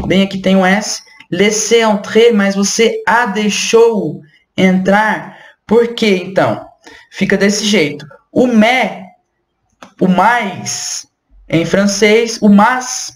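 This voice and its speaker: A woman teaching French pronunciation online, patiently repeating words slowly and explaining them casually. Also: mid-range voice, roomy sound. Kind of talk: online language lesson.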